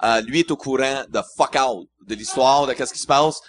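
A man with a Quebec French accent telling an animated story in casual chat, slipping into English. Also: medium pitch, moderate pace, slight background noise. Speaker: guest storyteller.

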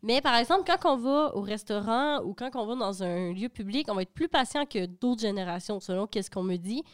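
A woman's voice: medium pitch, fairly quick, clear, resonant tone. A young woman with a Quebec French accent, chatting animatedly on a panel and using lots of fillers. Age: young adult. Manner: animated, talks with fillers like "genre" and "comme". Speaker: panel guest. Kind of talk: casual panel discussion.

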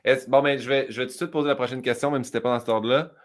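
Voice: medium pitch, steady tone, racing. Playful Québécois host, casual swearing. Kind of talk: casual interview chat.

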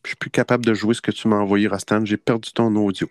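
A man's voice: fairly low pitch, level tone, quick pace, no room sound, clean studio sound. A man with a Québécois French accent hosting a casual online quiz show, playful and chatty. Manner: playful, chatty, laughs often. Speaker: quiz host.

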